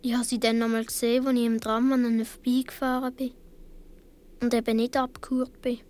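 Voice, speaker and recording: Lightly acting in a radio play, a woman portrays a Swiss boy of about seven or eight, earnestly telling his story in a Swiss German accent. Her highish, darkish voice keeps a level tone at a brisk pace, and the mood is wistful as he recounts events.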